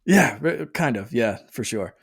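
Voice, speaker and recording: A man's voice: medium pitch, animated, measured pace, gravelly. A man hosting a podcast, chatting casually and laughing often. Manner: chatty, laughs often, acts out quoted voices. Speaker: podcast host. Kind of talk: casual chat.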